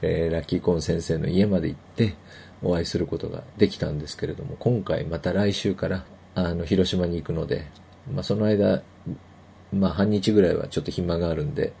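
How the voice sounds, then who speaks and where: Low, gravelly-voiced male podcast host. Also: steady tone, dark tone, slight background noise. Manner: laid-back, unhurried, chatty. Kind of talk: casual podcast chat.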